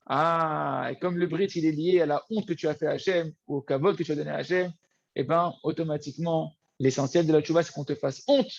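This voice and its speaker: A man teaching a Torah lesson, lively and repetitive, often addressing his listeners as friends. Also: a little high, fairly quick, creaky, no echo, dull audio. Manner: animated, repeats words, addresses listeners as friends. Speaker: rabbi teaching.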